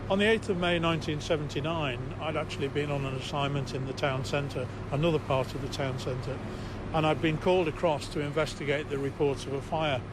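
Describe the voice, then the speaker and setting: A man's voice: fairly high pitch, steady tone, brisk. An older man, a news cameraman, explains things plainly in an outdoor interview on a city street. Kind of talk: on-location interview. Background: traffic and city noise.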